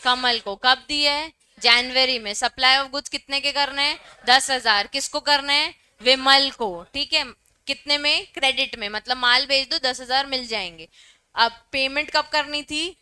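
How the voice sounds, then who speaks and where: Bright, high-voiced woman teaching law. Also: unhurried, clean tone. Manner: explains with everyday examples, mixes Hindi and English. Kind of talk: classroom law lecture. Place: classroom.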